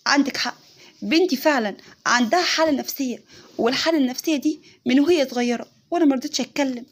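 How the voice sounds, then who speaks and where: A woman performs an older aunt with an Egyptian accent in a spoken story. She admits things earnestly in a high, breathy voice. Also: quick pace. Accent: Egyptian Arabic.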